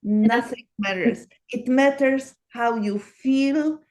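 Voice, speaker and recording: An earnest guest researcher in her seventies takes her time in a casual interview, her voice a little high and a little mellow. She leans on repetition for emphasis and speaks with non-native phrasing.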